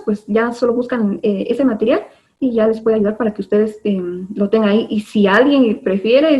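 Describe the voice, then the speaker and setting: Female teacher, patient and methodical, filler-heavy, slightly high voice, muffled video-call sound. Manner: patient, explains step by step with many fillers. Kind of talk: online class lesson. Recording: dull lo-fi online class audio.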